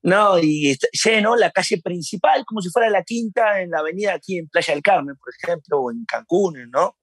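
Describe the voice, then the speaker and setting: A man with a Uruguayan Spanish accent telling stories in a casual interview, animated and laughing often. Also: high-pitched, a little fast, slightly rough, no room sound. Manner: animated storyteller, laughs often, acts out shouts. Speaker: interview guest.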